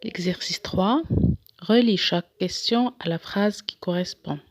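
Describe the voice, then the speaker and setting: A woman's voice: lowish voice, unhurried, dry recording. A woman teacher going through a French grammar lesson, reading out exercises and explaining them patiently step by step. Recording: dull lo-fi sound, dry.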